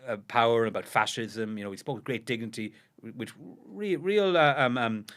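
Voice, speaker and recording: An Irish man under 50 co-hosts a history podcast, talking casually in a mid-range, fairly bright voice. His speech is fast and halting, packed with restarts, fillers and "you know."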